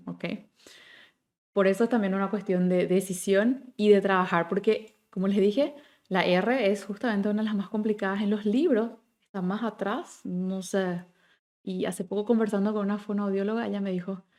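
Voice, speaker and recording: Paraguayan woman teaching German pronunciation. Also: mid-range voice. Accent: Paraguayan Spanish. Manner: checks in constantly with "¿ya?" and "¿ok?"; models German words slowly and repeats them. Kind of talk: online language lesson.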